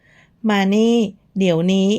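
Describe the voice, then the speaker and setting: A woman playing a proud, protective young mother who speaks in a sharp, clipped, defiant way. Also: takes it slowly, close to an everyday voice. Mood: angry.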